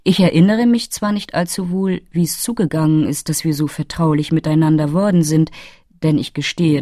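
A woman's voice: low-pitched, warm tone, no echo, clean studio sound. A woman voicing a coy, flirtatious female fairy who talks around things in an audiobook. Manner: coy, roundabout, fussing. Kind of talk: audiobook reading.

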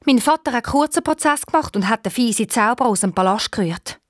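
Woman doing a sad owl princess, hoarse, high, Swiss German lilt, dry storybook read. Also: lively intonation, fast, no echo, lightly acted. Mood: plaintive. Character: enchanted young princess turned owl, sorrowful.

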